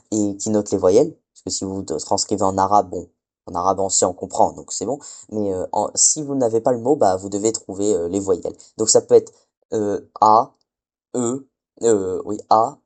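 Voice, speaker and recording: A man's voice: on the low side, dark tone. A man giving a casual spoken lesson, hesitant, often stumbling and correcting himself. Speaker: teacher.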